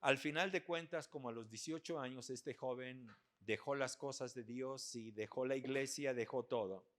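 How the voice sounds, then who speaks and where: An older man preaching an earnest sermon at a church men's conference, rising into loud, emphatic passages. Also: medium pitch, moderate pace.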